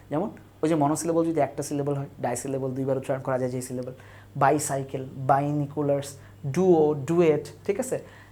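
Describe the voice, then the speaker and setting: Recorded on a camera on a tripod, a young teacher with a low-sitting, slightly mellow voice walks students through English word roots for an admission test online. She goes step by step, offers lists of examples and keeps asking "right?".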